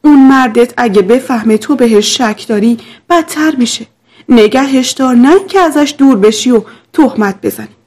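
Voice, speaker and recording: A woman's voice: on the high side, lively intonation, a little mellow. A woman reading as a blunt, impatient mother-in-law. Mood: impatient, lecturing. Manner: impatient, lecturing.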